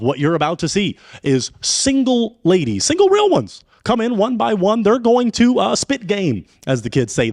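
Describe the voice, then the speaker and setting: A man runs a dating game show with a showman's patter, his pitch swinging high and low. He sounds close and dry, without room echo. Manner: animated, showman emcee patter.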